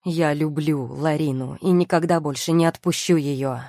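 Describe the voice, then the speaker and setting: A woman's voice: sits low, steady tone, normal speed, a little mellow, no room sound, clean studio sound. A woman reading the lines of an angry, passionate young male lord in an audiobook, speaking hard and firm.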